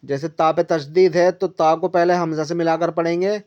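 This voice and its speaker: A woman's voice: fairly low pitch, fairly even intonation, warm tone. Patient woman teacher, lo-fi recording. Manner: patient, repetitive explaining with questions; stretches out syllables to demonstrate. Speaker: Quran reading teacher. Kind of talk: one-on-one tajweed lesson. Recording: dull lo-fi recording.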